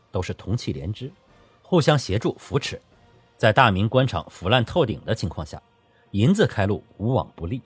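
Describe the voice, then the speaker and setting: A man narrating a historical novel as an audiobook, with expressive storytelling. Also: medium pitch, husky, no echo.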